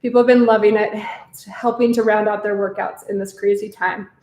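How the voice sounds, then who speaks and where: A woman's voice: mid-range voice, steady tone, fairly quick, darkish tone. A woman teaching a live online pilates class, counting reps and cueing breaths while she demonstrates, a little out of breath. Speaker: pilates instructor. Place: pilates studio. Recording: very echoey room with faint noise.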